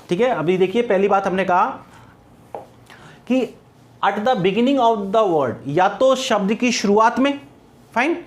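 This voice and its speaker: A male English teacher giving an exam-prep lecture, asking rhetorical questions and answering them himself, and slowing down to spell out words and examples. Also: high-pitched.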